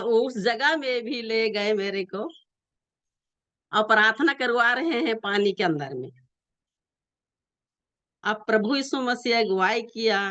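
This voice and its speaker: Slow, earnest older woman giving testimony. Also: on the high side, fairly bright tone, dry recording. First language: not Hindi. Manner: halting, repetitive, earnest storytelling. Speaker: church member giving testimony. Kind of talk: personal church testimony.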